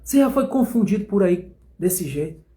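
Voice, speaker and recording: This man leads a Bible study like a sermon, drawing out his stories with slow, weighty emphasis. He speaks in a high register, very animated, with a warm tone.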